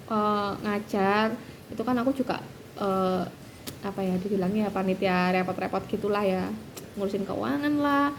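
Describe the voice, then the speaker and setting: A woman tells a story casually to her viewers. Her voice sits fairly high, and she talks with many fillers and restarts. Faint room noise hums behind her. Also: vocal fry, low-quality recording. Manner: lively, acts out quoted voices at a higher pitch. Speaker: vlogger and doctoral student.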